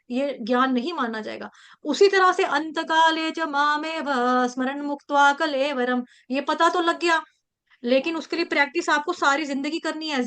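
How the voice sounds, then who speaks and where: Woman spiritual teacher, high bright voice, animated storytelling, scripture class. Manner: animated, acts out quotes in the story.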